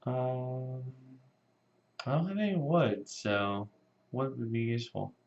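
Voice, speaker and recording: A man's voice: mid-range voice, expressive, takes it slowly, echoey room. A man new to the game, thinking aloud and asking about the rules in casual board game chat. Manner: thinks aloud quietly, unsure. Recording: dull lo-fi recording.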